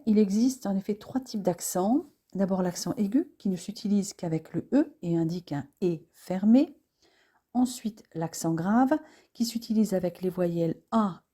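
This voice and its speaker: Woman teaching French pronunciation, mellow. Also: mid-range voice, husky. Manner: slow, careful, spelling out sounds with occasional hesitations. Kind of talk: pronunciation lesson.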